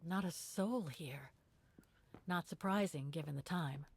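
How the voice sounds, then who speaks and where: An actress playing a quiet, resigned adventure heroine in a video game. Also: female voice, deep voice, measured pace, slightly rough, exaggerated voice. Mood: subdued, resigned.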